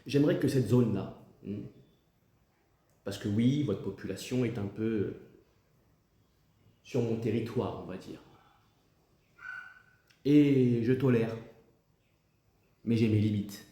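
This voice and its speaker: A man's voice: lowish voice, takes it slowly, long pauses, warm tone, roomy sound. A man playing a stern, pompous president in a comic sketch, insinuating and mock-diplomatic as he scolds and threatens. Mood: indignant, pompous.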